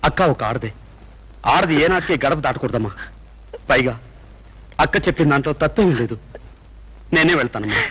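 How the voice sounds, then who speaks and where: An actor playing a meek younger brother who speaks softly and respectfully as he resigns himself to leaving home. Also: mid-range voice, expressive, a little fast, long pauses, a little hiss or hum, natural voice. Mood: resigned. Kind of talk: melodramatic film acting. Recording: film soundtrack with loud music.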